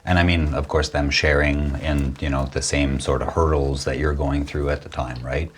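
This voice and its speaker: A young man hosting a podcast interview, talking slowly and haltingly, with many restarts. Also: very deep voice, flat delivery, a little hiss or hum. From Quebec. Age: young adult. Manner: slow, hesitant, many restarts. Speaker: podcast host. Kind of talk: casual interview.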